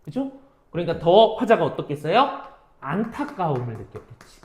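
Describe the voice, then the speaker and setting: A woman's voice: lowish voice, big pitch swings, normal speed, a little mellow. A woman teaching Korean literature, explaining a modern poem for exams and asking her students questions, then answering them herself. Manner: chatty, addresses students directly. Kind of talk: exam-prep lecture on a modern poem. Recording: roomy echo.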